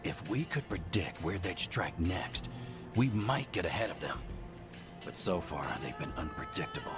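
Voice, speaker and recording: An actor playing a solemn male ally in a video game cutscene, speaking in a measured way over music. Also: low-pitched, expressive.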